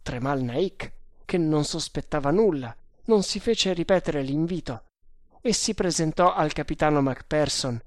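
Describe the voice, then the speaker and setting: A man reading an adventure novel aloud as narrator, slow and deliberate. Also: a little high, no room sound, studio quality. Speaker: audiobook narrator.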